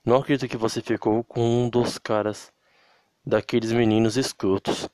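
A man's voice: medium pitch, little pitch movement, normal speed, a little mellow, no echo, close to an everyday voice. Man reading as slangy teasing young woman, brazilian accent, dry close sound.

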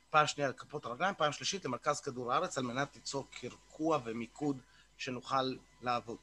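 A man with a bright, forceful voice leads a morning group session over a video call. He talks casually and coaches the group, then guides a short meditation. He repeats himself and hesitates with fillers, over a faint bit of background noise. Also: medium pitch. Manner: informal, repeats words and fills pauses with "uh". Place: online video meeting.

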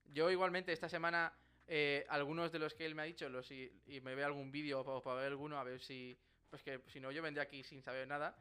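A young man with a Spain accent hosting a casual chat in a jokey, animated way. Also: a little high, fast, clean tone. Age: young adult. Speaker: podcast host.

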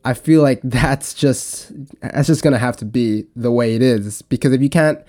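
A young man hosting a casual podcast on his own, talking in a relaxed, rambling way with frequent restarts. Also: medium pitch, moderate pace. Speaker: podcast host. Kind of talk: casual solo podcast talk.

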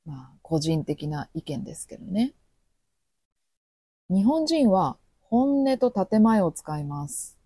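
A woman teaching Japanese with a Kansai accent, speaking slowly and clearly and acting out short quoted lines. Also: on the low side, warm tone, no echo. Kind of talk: podcast language lesson.

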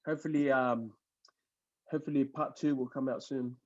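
A man's voice: mid-range voice, fairly even intonation, moderate pace, darkish tone, muffled recording. A young man from Fiji, a podcast guest, chatting casually in a laid-back, rambling way with lots of fillers. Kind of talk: casual chat.

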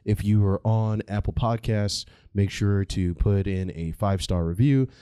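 A man's voice: lowish voice, steady tone, a little slow, warm tone, smooth, no echo, studio quality. A man hosting a podcast, delivering a casual, comedic monologue in a rambling, slangy, sweary way. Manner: informal, slangy, heavy swearing. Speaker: podcast host.

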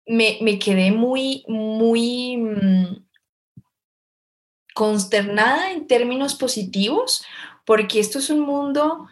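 A woman's voice: fairly high pitch, slow pace. Effusive woman co-hosting a talk show. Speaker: co-host.

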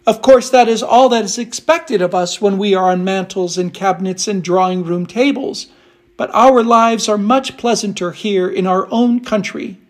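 A man voicing a timid, fragile young china princess who speaks delicately and slowly. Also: high-pitched, natural voice. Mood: prim. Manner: frightened, pleading, slow and delicate.

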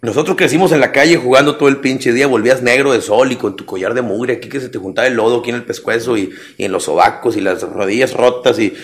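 A man's voice: medium pitch, quick pace, few pauses. A man in his thirties with a Mexican accent, telling crude, comic stories on a podcast. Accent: Mexican Spanish. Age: 30s. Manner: storytelling, crude slang, acts out quoted voices. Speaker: podcast host. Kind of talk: casual comedic chat.

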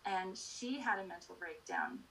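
A middle-aged woman speaking as an interview guest, candidly sharing personal experience in an earnest, halting way that often backtracks. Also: mid-range voice, huge pitch swings, a bit bright, rough recording. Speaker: podcast guest.

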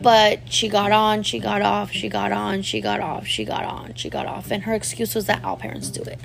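Woman, 30s, vlogger, candid personal story, rambling delivery, heavy "like" fillers, gravelly fry. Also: medium pitch, moderate pace, slight background noise. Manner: addresses viewers directly.

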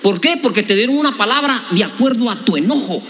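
A male pastor, preaching a lively, humorous sermon and repeating key words for emphasis. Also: high voice, fast talker, slight background noise. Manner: animated, humorous preaching that acts out Bible scenes.

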